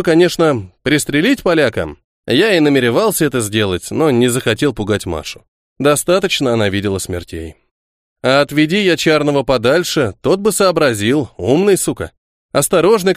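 A man reading an audiobook aloud in first-person narration, with lively storytelling. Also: medium pitch, no room sound, clean studio sound.

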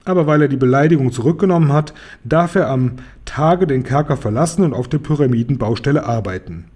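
A man's voice: mid-range voice, animated, brisk, darkish tone, close to an everyday voice. A man voicing a pompous, grumpy pharaoh ruler in a children's audiobook, haughty and commanding.

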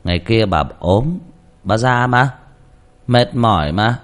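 A man's voice: on the low side, expressive, slow pace. A man giving blunt, coarse advice to listeners in a casual, rambling way, often repeating words.

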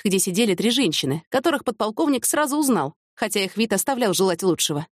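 Brief: female audiobook narrator, measured, mid pitch, dry close mic. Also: dry recording. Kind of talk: scripted narration.

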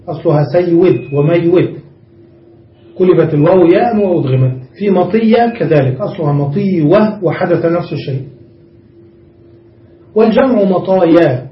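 A man teaching an Arabic grammar lesson, explaining each step and checking that his students follow. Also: sits high. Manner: explains step by step, often checks understanding with the class. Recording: roomy, muffled recording from a distance.

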